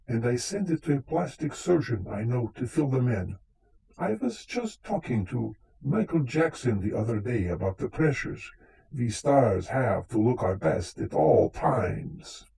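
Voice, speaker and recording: A man's voice: mid-range voice, creaky, dark tone, slightly rough, heavily acted, rough recording. A man playing a vain, touchy, centuries-old vampire count in comic live radio theater, with a theatrical, formal way of talking. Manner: theatrical, dryly boastful, formal phrasing.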